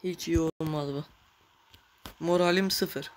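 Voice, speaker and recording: A man giving casual, excitable commentary while playing a mobile game, cursing and talking to his viewers. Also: a little high, a little slow. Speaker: gamer.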